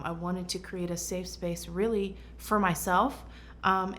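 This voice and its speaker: A brand founder and designer who grew up in Portugal gives earnest, reflective answers in an interview. Her voice is on the low side, creaky and a touch bright, with slight noise behind it.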